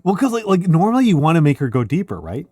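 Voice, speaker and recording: Animated, rambling man in casual stream chat. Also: fairly high pitch, fast talker, husky, no echo, faint music behind. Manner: excitable, rambling, frequent laughing and filler "like".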